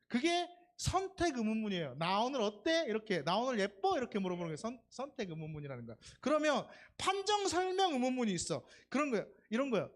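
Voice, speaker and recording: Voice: mid-range voice, big pitch swings, brisk, hardly any pauses. A preacher giving a sermon in church during Sunday worship. The preacher talks conversationally, asks the congregation questions and acts out quoted dialogue.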